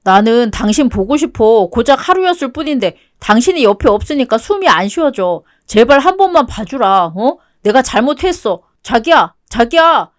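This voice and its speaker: A whiny, clingy young husband who keeps begging in a plaintive, higher-pitched voice, read by a woman. The web-toon radio drama reading is kept light, with the whining carrying the character. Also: big pitch swings, moderate pace, hardly any pauses. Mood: pleading.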